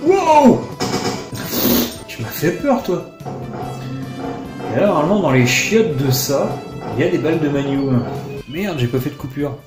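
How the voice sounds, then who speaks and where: A man commenting on a video game he plays, joking and sarcastic, breaking into excited outbursts. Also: a little high, moderate pace, pauses often. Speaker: let's play commentator. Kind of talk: casual gameplay commentary. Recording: roomy sound with game music behind.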